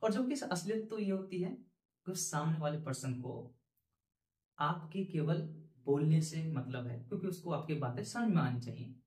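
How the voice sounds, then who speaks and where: A man's voice: on the high side, expressive, normal speed, darkish tone. A male spoken English teacher giving an earnest, encouraging lesson talk to learners, repeating his points with rising emphasis. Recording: echoey room.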